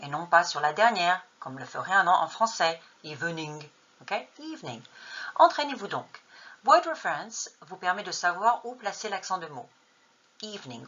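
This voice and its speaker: A woman's voice: on the low side, pushed and bright, husky, lo-fi sound. A woman teacher trainer narrating a lesson, posing true-or-false questions and then answering them. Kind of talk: narrated lesson on an English textbook.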